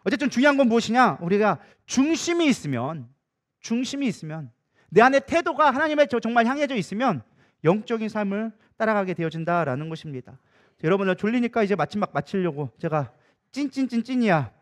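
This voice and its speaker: A man pastor preaching a sermon in a lively, conversational way, acting out the voices of the people in his story. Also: high-pitched, brisk. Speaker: co-senior pastor.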